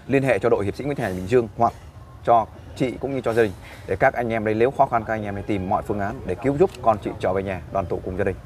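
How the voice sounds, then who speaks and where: A man's voice: on the low side, fast, a little hiss or hum. A man from a volunteer search team interviewing a woman outdoors, formal and restating her answers back. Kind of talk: street interview. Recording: distant mic, loud crowd.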